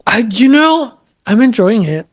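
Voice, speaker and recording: A woman's voice: a little high, very animated, unhurried. A woman co-hosting a podcast in casual chat, teasing and laughing often. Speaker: podcast co-host.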